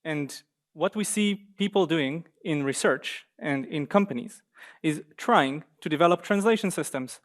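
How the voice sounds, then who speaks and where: A young man from Israel giving a conference talk on slides in a university seminar room, lively and joking with the audience now and then. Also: fairly high pitch. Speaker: guest speaker.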